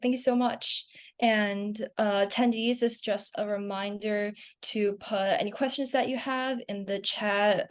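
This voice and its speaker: A woman hosting an online webinar, reading an introduction and interview questions and giving short affirmations. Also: mid-range voice. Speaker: webinar host.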